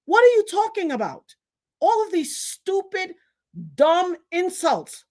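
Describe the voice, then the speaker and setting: Middle-aged woman, Trinidadian accent, high-pitched livestream host, emphatic and fed up. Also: big pitch swings, slow. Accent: Trinidadian Caribbean. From Trinidad, raised in Brooklyn. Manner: indignant, emphatic, preachy. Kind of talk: livestream commentary rant.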